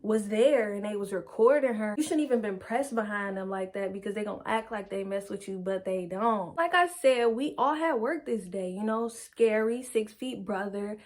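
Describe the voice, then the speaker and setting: A young woman casually telling a personal story, slangy and animated, acting out what people said. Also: mid-range voice, moderate pace, hardly any pauses. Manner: animated, slangy, acts out quotes.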